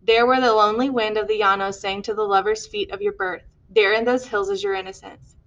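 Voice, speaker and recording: A woman's voice: medium pitch, steady tone, brisk, a bit bright, lo-fi sound, close to an everyday voice. A woman reading an audiobook, voicing a wise old healer woman who speaks in a dream. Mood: solemn.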